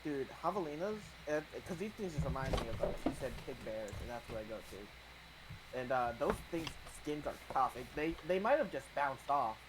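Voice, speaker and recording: Dude chatting game rules, laid back, mid pitch, noisy mic. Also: male voice, very animated, normal speed. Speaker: player. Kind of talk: casual tabletop game chat. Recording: noisy recording.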